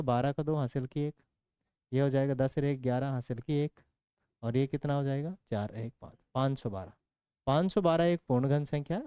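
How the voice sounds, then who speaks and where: A man's voice: on the high side, mellow, no echo, studio quality. A man teaching a maths lesson in a casual, playful way, working through sums aloud with jokey stories and constant check-in questions. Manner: counts out working steps aloud.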